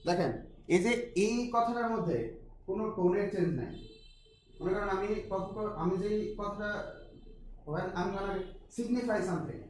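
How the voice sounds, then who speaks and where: A man with a Bangladeshi accent and a slightly high voice lectures a class, switching between Bengali and English and stopping to quiz his students. His voice rings through a very echoey classroom with a faint noise behind it. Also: unhurried, pauses often, darkish tone, far from the mic. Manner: mixes Bengali with English, asks students questions, frequent restarts. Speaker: English teacher.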